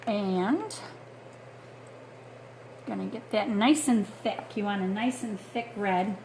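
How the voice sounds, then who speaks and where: A woman's voice: mid-range voice, slow pace, a little mellow. Chatty woman teaching watercolor. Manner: chatty, thinking aloud with many fillers. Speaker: art instructor. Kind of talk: casual painting tutorial. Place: home studio with a wood stove. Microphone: close mic. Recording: faint blower hum behind.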